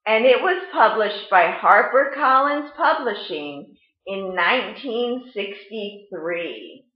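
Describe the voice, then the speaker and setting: Reading aloud to children at storytime, this thirtysomething librarian host speaks in a mid-range voice with a sing-song, deliberate and expressive teaching manner. The indoor webcam or laptop mic sits about arm's length away, so the audio comes across roomy and a bit dull.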